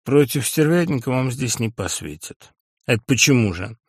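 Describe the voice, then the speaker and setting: A man's voice: medium pitch, expressive, slightly rough, dry recording, clean studio sound. A man reading an audiobook and voicing a servile male underling who pleads and fawns before his boss. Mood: confiding. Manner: pleading and fawning, quick excuses.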